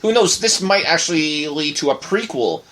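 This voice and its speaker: A man's voice: on the high side, expressive, moderate pace, fairly bright tone. A married man co-hosting a casual podcast, rambling through news with lots of fillers and restarts. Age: adult, married. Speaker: podcast co-host.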